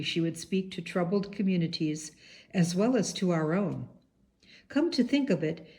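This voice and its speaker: A woman reading a biography aloud as an audiobook, in a measured, earnest way. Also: mid-range voice, a little mellow. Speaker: audiobook reader. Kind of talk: read-aloud biography narration.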